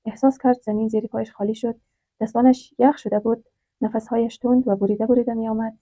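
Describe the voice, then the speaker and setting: A woman narrating a dramatic story in a steady storytelling manner. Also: fairly high pitch, no room sound. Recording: dry, tinny phone-like sound.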